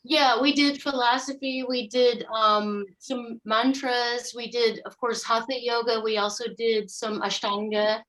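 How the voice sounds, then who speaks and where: A woman's voice: a little high, fairly even intonation, a little slow, few pauses, fairly bright tone, poor audio. A woman from the United States, a yoga student, talking casually on a video call and searching for words with friendly hesitation. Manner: friendly, hesitant, many fillers while recalling. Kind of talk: casual conversation.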